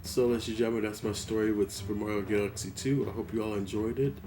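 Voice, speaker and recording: A man's voice: on the low side, steady tone, fast talker, noisy background. A man vlogging about his gaming memories in a laid-back, conversational storytelling way. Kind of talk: storytelling monologue.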